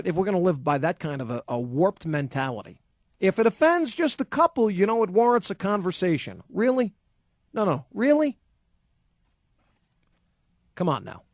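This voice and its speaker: A man's voice: a little high, a little mellow, no room sound, studio quality. A man hosting a sports talk radio show, ranting in a combative, sarcastic, emphatic way and then taking calls. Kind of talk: opinionated talk radio rant. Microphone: studio microphone.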